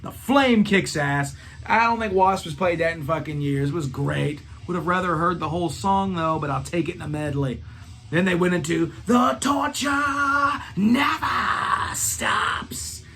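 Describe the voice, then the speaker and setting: A man hosting a rock review channel, talking excitedly and profanely about a concert and singing bits of the songs. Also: on the high side, normal speed.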